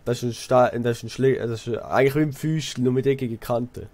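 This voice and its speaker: Over a game, a young let's player from Switzerland who is training as a builder talks casually in a Swiss German accent, telling meandering, repetitive stories. He has a medium-pitched, darkish voice with fairly even intonation and a quick pace.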